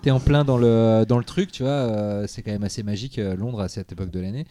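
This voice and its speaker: A man who is a film critic on a podcast, telling anecdotes in lively casual chat and swearing freely. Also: lowish voice, quick pace.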